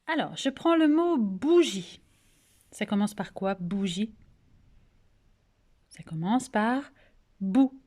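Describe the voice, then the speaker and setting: A woman with a French accent teaches little children over video, taking her time with every word. She speaks in a measured, unhurried rhythm and articulates each syllable with care. She asks patient questions and praises the answers. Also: medium pitch, expressive, darkish tone. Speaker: kindergarten teacher. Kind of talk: remote phonics lesson for young children.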